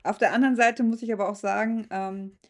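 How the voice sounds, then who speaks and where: A woman's voice: mid-range voice, fairly even intonation, a little fast. A woman who is an artist and event organizer, speaking candidly in a casual podcast chat. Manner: candid, laughs easily, restarts often.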